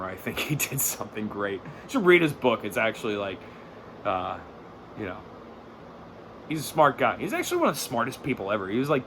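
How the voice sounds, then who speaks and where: A man in his thirties hosts a podcast with a comedic rant that is profane, sardonic and rambling, laughing at his own jokes. His voice is medium-pitched and fairly bright, with slight background noise.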